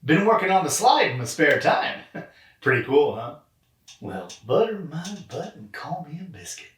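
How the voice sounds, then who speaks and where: An actor playing a folksy, teasing older uncle in an audio drama, hamming it up affectionately and mischievously. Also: male voice, a little high, very animated, moderate pace, a bit bright, a little hiss or hum. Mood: tender, folksy. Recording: very echoey room, distant from mic.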